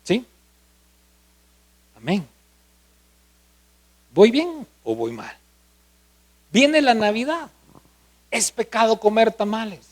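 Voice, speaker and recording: A man's voice: sits high, very animated, slow, pauses often. A male pastor preaching a sermon, often asking the congregation questions.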